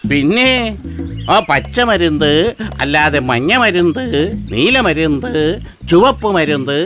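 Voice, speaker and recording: Sly cartoon fox villain, drawling quack-seller patter, man voicing, unhurried, over a music bed. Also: fairly high pitch, sing-song. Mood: hawking. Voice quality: sly sing-song hawker's patter.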